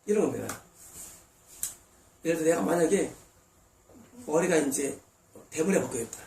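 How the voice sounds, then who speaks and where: Higher-pitched Korean pastor preaching in a roomy hall. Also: male voice, animated, normal speed, gravelly, a little mellow, a little hiss or hum. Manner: emphatic preaching, voicing God and congregants in quoted asides. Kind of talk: sermon. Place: church sanctuary. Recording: roomy distant church recording.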